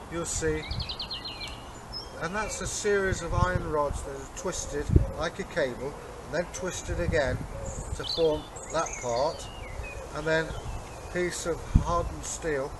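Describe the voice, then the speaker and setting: A man's voice: on the high side, unhurried. An older man, explaining things in a casual show-and-tell manner. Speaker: co-host, Viking re-enactor. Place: outdoors in a leafy garden. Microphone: camera a few metres away. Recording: outdoor noise, birds and distant traffic.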